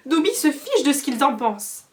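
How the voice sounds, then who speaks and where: A woman voicing a timid, eager male house-elf with a high, earnest, anxious voice. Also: very animated, normal speed. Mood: defiant.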